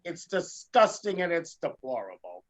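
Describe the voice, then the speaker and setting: A comedian and drag performer hosts a talk show, launching into an animated, theatrical rant delivered with emphasis and a gravelly edge, repeating phrases for effect. His voice sits fairly high, swinging widely in pitch, at a moderate pace with a slightly bright quality.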